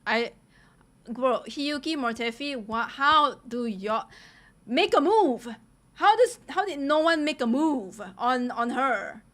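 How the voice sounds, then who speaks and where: A woman with a high voice, lively intonation, a slow pace and a fairly bright tone streams her reaction to a game trailer. She gushes casually to viewers, heavy on slang and calling them guys and bro.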